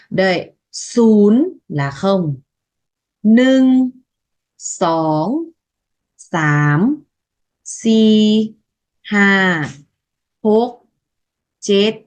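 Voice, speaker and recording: A woman teacher giving a language lesson, saying each word slowly and twice so students can repeat it. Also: medium pitch, a little mellow. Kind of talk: slow language lesson, repeating words for practice.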